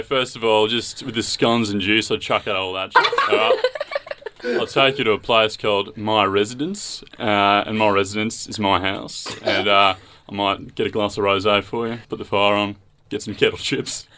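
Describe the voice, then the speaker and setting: A man's voice: on the low side, moderate pace, pushed and bright, slight background noise. A man with an Australian accent playing a cheeky, laid-back bachelor on a joking podcast dating game.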